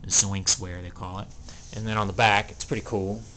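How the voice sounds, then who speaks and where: Young man, casual show-and-tell, rambling with ums, low voice, faint hum behind, camera mic at home. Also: fairly even intonation, moderate pace, bright, forceful tone. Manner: rambling, hesitant, many ums. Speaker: collector selling items. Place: indoors, small room at home.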